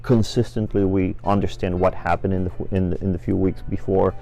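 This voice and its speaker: A middle-aged man from Venezuela, a franchise business owner answering interview questions in a measured way, with many fillers and restarts. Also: deep voice, level tone, vocal fry, dark tone, faint music behind.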